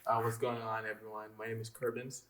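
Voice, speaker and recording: A man from Haiti, a photographer, introducing himself in an easygoing, calm way with many fillers. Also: fairly low pitch, brisk, rough recording. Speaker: photographer guest. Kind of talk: casual round-table chat.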